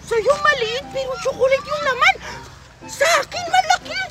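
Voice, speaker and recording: A performer voicing a pushy, boastful young girl squabbling over gifts in a comedy skit, with loud music behind. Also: very high-pitched, normal speed.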